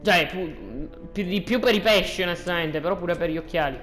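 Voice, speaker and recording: A gaming host giving casual, joking commentary, excitable and repeating phrases. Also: mid-range voice, moderate pace, faint music behind.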